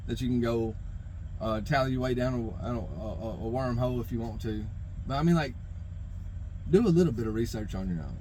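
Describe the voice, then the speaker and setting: A man's voice: mid-range voice, dark tone, rough recording. Exasperated, sweary man ranting over background noise. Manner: exasperated, rambling, profanity-laden ranting; repeats and stammers over phrases while hunting for words. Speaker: knife review vlogger. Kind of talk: unscripted opinion rant to camera.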